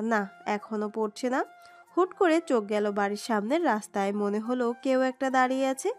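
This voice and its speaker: A woman narrates a romantic story with an expressive, dramatic reading. Her voice sits high, and soft music plays underneath. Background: soft background music.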